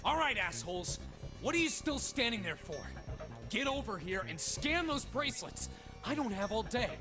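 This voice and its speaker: A man's voice: extremely high pitch, big pitch swings, normal speed. An actor playing a menacing, bossy, foul-mouthed young gunman as an unhinged, taunting villain in a video game. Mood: angry, taunting. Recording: game music under the voice. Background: game music.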